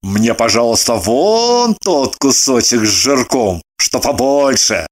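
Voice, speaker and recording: Pompous blustering husband put on by the reader, deep changed voice, slow and swinging. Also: very animated. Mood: smug. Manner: booming, drawn-out exclamations. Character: pompous middle-aged husband, blustering and self-satisfied.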